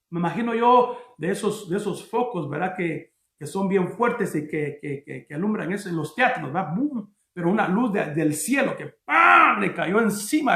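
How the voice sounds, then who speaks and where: Male pastor, high voice, emphatic sermon, repeats words, echoey room.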